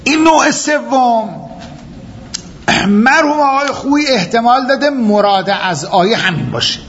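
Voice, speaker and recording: A man with a notably high voice delivers a seminary lecture on jurisprudence. He works through his cases methodically, restating points and throwing out rhetorical questions. The recording is dull and lo-fi, with a faint hiss underneath. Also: lively intonation, fairly bright tone. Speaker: seminary teacher.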